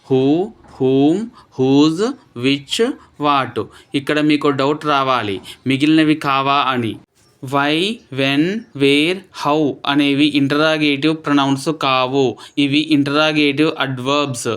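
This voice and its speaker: Smooth, even-toned grammar teacher man. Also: mid-range voice. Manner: even, measured explaining, reads English examples slowly. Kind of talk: scripted grammar lesson.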